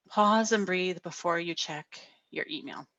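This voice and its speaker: A middle-aged woman counselor giving a gentle guided wellness talk over a video call, often asking "right?". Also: on the low side, no room sound, highs cut off. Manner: gentle, frequent "right?" tags.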